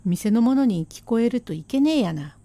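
A swaggering Edo merchant husband, as a woman storyteller puts him on, dropping into a lower, mellow voice. He speaks in rough, clipped slang and blusters defensively. The sound is dry and close, as in rakugo storytelling. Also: animated, moderate pace, no echo, close to an everyday voice. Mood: blustering.

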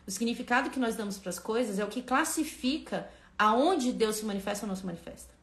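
A woman's voice: fairly high pitch, lively intonation, brisk, a bit bright, roomy sound. A woman hosting a spiritual lesson on a live stream, speaking fervently and emphatically, repeating phrases and turning to her viewers.

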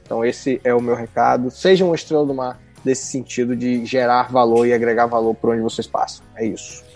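A man's voice: mid-range voice, steady tone, brisk, darkish tone, soft background music. A man with a Bahian Brazilian accent, chatting informally and with slang as a podcast co-host. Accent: Bahian Brazilian Portuguese. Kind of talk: casual chat.

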